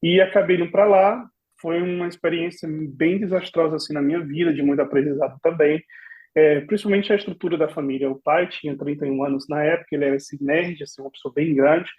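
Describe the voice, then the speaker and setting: High-voiced Brazilian man, animated storyteller. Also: fast, lo-fi sound. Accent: Brazilian Portuguese. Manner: animated, acts out remembered dialogue with laughs and exclamations. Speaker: podcast guest, former au pair. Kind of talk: casual storytelling in a podcast interview.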